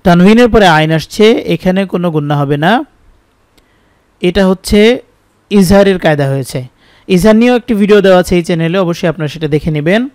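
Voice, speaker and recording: A man with a Bangladeshi Bengali accent teaching Quran reading, spelling each word letter by letter and then chanting the verses slowly. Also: high voice, darkish tone, no echo, clean studio sound. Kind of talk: spelled-out Quran recitation lesson.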